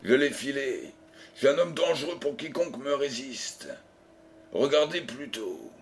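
A man voicing a brutal, furious old country doctor in an audiobook, threatening and shouting. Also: mid-range voice, very animated, unhurried, crowd noise. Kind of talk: audiobook character reading.

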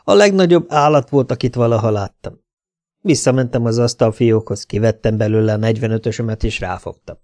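A man narrating a first-person audiobook with a lively, character-driven reading. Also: mid-range voice, no echo, clean studio sound. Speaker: audiobook reader.

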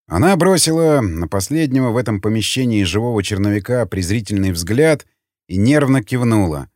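A man reading an audiobook in steady, even scripted narration. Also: on the low side, normal speed, no room sound, clean studio sound.

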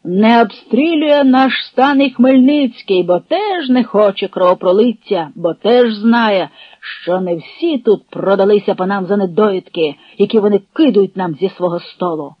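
A reader voicing a steady Cossack elder who addresses the crowd in a measured, oratorical way, in an old radio recording. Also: medium pitch, dry recording, highs cut off, natural voice. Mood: earnest. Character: Cossack elder calm, steady, pleading for peace.

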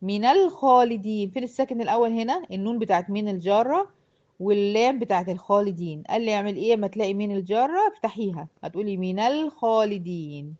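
Fast-talking Egyptian woman teacher. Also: medium pitch, expressive, a little mellow, muffled recording. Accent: Egyptian Arabic. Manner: explains step by step and checks often that students follow. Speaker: Quran recitation teacher. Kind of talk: explanatory lesson to a class of girls.

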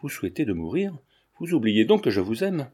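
Guy reading earnest young man in love, urgent, mellow tone. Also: mid-range voice, very animated, a little fast, breathy edge.

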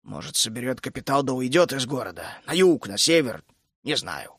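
A gruff, grumpy middle-aged dragon keeper, put on by a male audiobook narrator, grumbling and scolding with sudden hot outbursts. The voice sits lower than his narration and is recorded close and dry. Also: sing-song, moderate pace, a bit bright, no echo, exaggerated voice. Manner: grumbling, scolding, bursts out hotly. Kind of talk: audiobook character voice.

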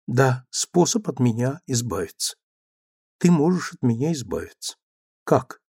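Brief: male reader voicing a young woman, meek and remorseful, pleading, with a gravelly low edge. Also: very animated, measured pace, dark tone, dry recording, clean studio sound, full character voice. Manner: pleading, trembling. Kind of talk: audiobook character reading.

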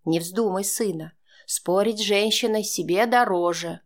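A tired, wry grown man who deflects worry with calm teasing, read by a woman in her own voice. Her pitch barely moves from her plain narration. It has the feel of an audiobook. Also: a little slow, lightly acted.

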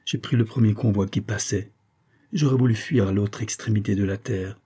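A man's voice: lowish voice, moderate pace, warm tone, slightly rough. A man voicing a passionate, bitter young lover in a read-aloud story, speaking earnestly.

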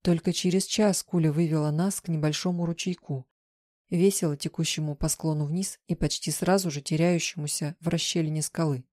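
A woman's voice: low-pitched, fairly even intonation, brisk, a little mellow, dry recording, studio quality. A woman narrating a first-person fiction audiobook with tense, vivid storytelling.

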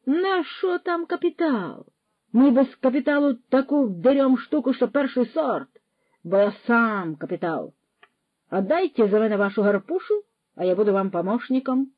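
A woman's voice: fairly high pitch, lively intonation, moderate pace, no echo, narrow, tinny audio, voice pushed up. A woman voicing a boastful, pushy young male ex-soldier who mixes Russian words into his speech, in a storybook reading.

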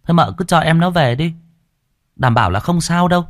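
A man voicing a fierce young village woman who scolds in sharp bursts. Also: a little high, expressive, a little fast, no echo, studio quality, pitched above the performer's own voice, lightly acted. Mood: reassuring.

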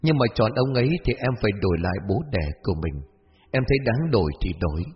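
A man voicing a gentle, mysterious young stranger in a storybook, speaking softly and tenderly. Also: lowish voice, big pitch swings, fast, long reverb tail, muffled recording. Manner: soft, hushed and tender. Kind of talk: storybook narration.

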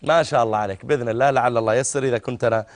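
A man's voice: medium pitch, fairly even intonation, racing. A middle-aged man with a Saudi accent, a religious scholar answering callers in an avuncular way. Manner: avuncular, addresses callers as my son. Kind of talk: religious call-in advice.

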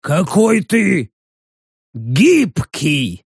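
A man's voice: sits high, huge pitch swings, very slow, vocal fry, husky, no echo, clean studio sound, full character voice. A man voicing a crude, teasing male soldier companion. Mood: mocking.

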